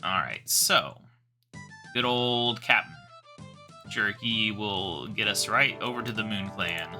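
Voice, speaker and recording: A man's voice: fairly low pitch, slow pace, sharp tone, faint music behind. A man giving wry, musing commentary over a game playthrough. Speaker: gaming video host. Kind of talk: casual let's-play commentary.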